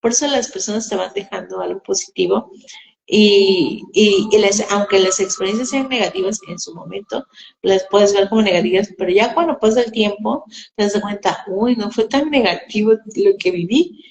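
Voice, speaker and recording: Woman telling stories, animated, quotes others, echoey room sound. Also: mid-range voice, moderate pace, creaky. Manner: animated storytelling, acts out quoted dialogue. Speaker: host. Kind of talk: casual conversation on an Instagram live.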